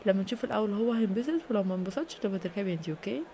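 A woman with an Egyptian Arabic accent voicing a calm, fussing mother in a toy play video, speaking softly and soothingly. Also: mid-range voice, rapid-fire, slight background noise, pitched below the performer's own voice, natural voice. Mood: firm.

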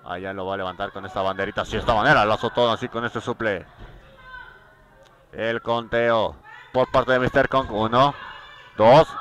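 Mexican wrestling commentator calling lucha moves. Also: male voice, mid-range voice, a bit bright. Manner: repetitive, narrating each move as it happens. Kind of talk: live lucha libre play-by-play commentary.

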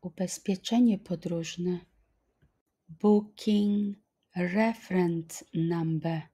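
Very slow, mellow-voiced woman teacher. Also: fairly low pitch, steady tone, slightly rough. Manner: deliberate, repeats each phrase twice. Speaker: language teacher. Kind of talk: slow flashcard-style language lesson.

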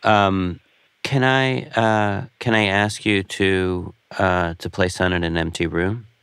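Halting low-voiced man hosting a podcast. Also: steady tone, a bit bright, clean tone, no room sound. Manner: halting, hesitant. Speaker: podcast host. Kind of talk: casual phone chat.

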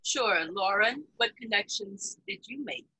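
A woman in her sixties moderating a panel over a video call from home, asking lively, probing questions. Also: mid-range voice, a little slow, slightly rough, no room sound, rough recording. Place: home room, indoors. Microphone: webcam on video call.

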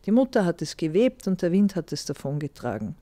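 A grumpy second son from a fairy tale who grumbles his way out of every hardship, voiced by a woman reading aloud. The tone is sulky and mellow. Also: on the low side, sing-song, a little fast, dry recording. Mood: grumbling. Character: grumpy, selfish young man, second son.

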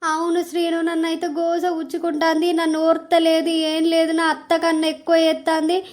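Scheming cartoon wife , woman actor, Telangana accent, high, fast, gossipy. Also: completely flat delivery, a little mellow. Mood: whining. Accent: Telangana Telugu. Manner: whining, gossiping. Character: young scheming wife, sly and whiny. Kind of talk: cartoon comedy voice acting.

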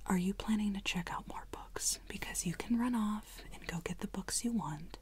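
A young woman playing a rude, condescending librarian in a whispered role-play, speaking in a breathy, curt, hushed whisper. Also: medium pitch, lightly acted.

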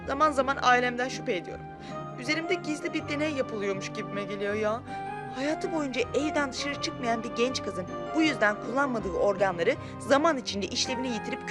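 Brief: actress as grumpy young diarist, sardonic voice-over over music. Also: female voice, fairly high pitch, close to an everyday voice. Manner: sardonic, irritable. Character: angry young woman writing in her diary. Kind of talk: diary voice-over narration.

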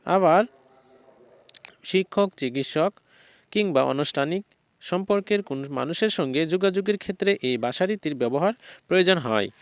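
Male teacher, methodical reading of lesson answers, fairly high voice, dry recording. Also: no echo. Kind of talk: reading exam answers aloud.

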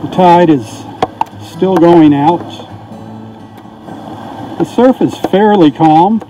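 A man's voice: a little high, mellow. A man giving a casual, folksy beach report outdoors in the rain, his voice tinny and muffled because the camera sits in a weatherproof housing. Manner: easygoing and folksy, signs off with blessings. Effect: tinny, muffled audio from a camera in a weatherproof housing. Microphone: camera mic inside a weatherproof housing.

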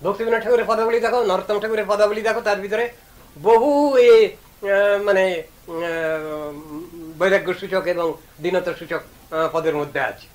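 A man giving an earnest devotional discourse, reasoning aloud and reciting verses slowly. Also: sits high, steady tone, low-quality recording. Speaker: religious speaker.

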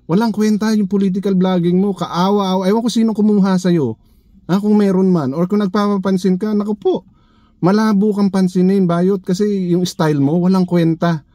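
A man's voice: sits high, fairly even intonation, moderate pace, dark tone, no echo, studio quality. Sarcastic man needling in a vlog. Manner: sarcastic, needling, full of rhetorical questions. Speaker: vlogger. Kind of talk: reaction commentary vlog.

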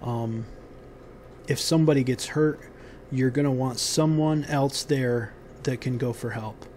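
A man giving unscripted how-to instructions on a building site outdoors, pausing often with ums and restarting his sentences. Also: medium pitch, darkish tone, slight background noise. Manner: halting, many ums and restarts.

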